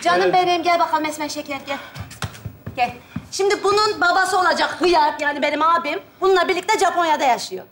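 An actress playing a meddling, sharp-tongued mother in a live comedy sketch, brash and bickering. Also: very high voice, a little hiss or hum. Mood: scolding. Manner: brash, bickering, quick insults. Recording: stage audio with audience laughter. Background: studio audience.

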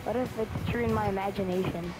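A man's voice: high-pitched, steady tone, fast talker, a little mellow, soft background music. A teenage boy on a gaming party chat, goofy and trash-talking with nonsense jokes. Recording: roomy voice chat with noise behind.

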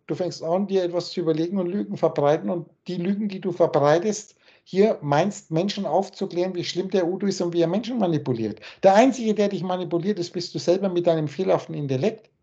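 A man lectures over a video call with a husky, darkish voice, scolding and preachy, often blunt to the point of crude. The call audio is dull and lo-fi, its highs rolled off. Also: mellow. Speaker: spiritual teacher.

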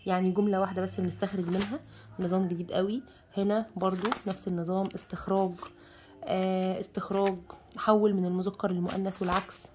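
Egyptian woman, quick and chatty book reviewer, enthusiastic, filler-heavy. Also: medium pitch, a little mellow, a little hiss or hum. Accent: Egyptian Arabic. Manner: chatty, enthusiastic, many fillers, lists contents aloud. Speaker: bookshop presenter reviewing a children's book. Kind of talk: casual book review while leafing through pages.

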